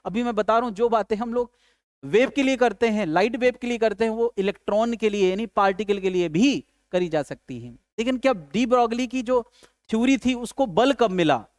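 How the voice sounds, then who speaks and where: A man with a high-sitting voice gives a casual physics lecture at normal speed, recorded with studio quality and no echo. He's chatty, jokes with his students, calls them "yaar," and asks and answers his own questions.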